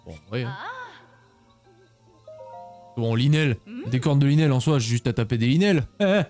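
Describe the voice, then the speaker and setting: Un homme qui commente sa partie de jeu vidéo de façon décontractée, joueuse et pleine d'exclamations. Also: male voice, mid-range voice, expressive, normal speed, darkish tone, faint music behind. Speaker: video game streamer. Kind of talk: casual gameplay commentary.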